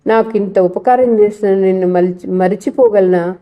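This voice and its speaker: A woman voicing a kind older gentleman who speaks gently, in a storybook reading. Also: medium pitch, moderate pace, dull audio, natural voice. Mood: kindly.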